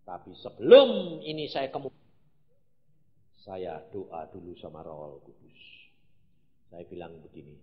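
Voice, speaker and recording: A man, preaching a sermon and telling stories in an animated way, acting out the dialogue with sudden swings between loud and soft. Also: low-pitched, a little slow, long pauses. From Central Java, Indonesia. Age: 80s. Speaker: evangelist preacher. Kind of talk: sermon with personal storytelling. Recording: dull audio in a large echoing hall.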